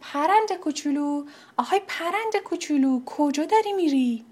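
A woman's voice: high voice, lively intonation, darkish tone, pitched above the performer's own voice. A woman voicing a friendly, welcoming spruce tree that calls out cheerfully in a children's story.

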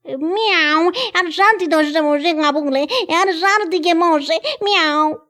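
A woman's voice: very high-pitched, bright, forceful tone, pitched above the performer's own voice. A woman voicing a trapped cat that meows between phrases in a children's storybook. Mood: eager. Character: trapped meowing cat, eager to please.

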